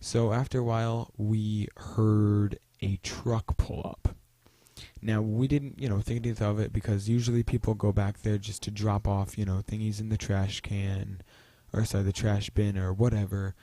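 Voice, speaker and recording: A man's voice: fairly low pitch, flat delivery, moderate pace, mellow, dry recording. A young man telling a story in a casual vlog, rambling with many fillers and restarts. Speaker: vlogger.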